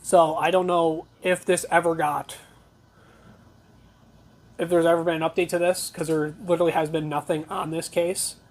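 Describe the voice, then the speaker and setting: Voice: medium pitch, flat delivery, moderate pace, long pauses. A talk show host giving blunt, conversational news commentary, reading reports aloud with opinionated asides.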